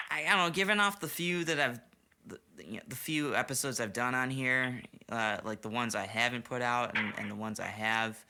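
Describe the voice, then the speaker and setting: A man's voice: fairly low pitch, gravelly, sharp tone, clean tone. A slightly tipsy man hosting a casual late-night podcast chat into a studio microphone, rambling and swearing with lots of restarts. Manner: rambling and profane, many restarts. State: a little tipsy. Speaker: podcast host. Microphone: studio microphone, monitored on headphones.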